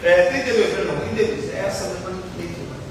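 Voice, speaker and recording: High-voiced preaching man in echoey hall. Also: quick pace, creaky, noisy background. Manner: lively preaching with rhetorical questions and acted quotes. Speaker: pastor. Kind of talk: sermon. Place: church hall. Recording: echoey hall from far off, faint ambience.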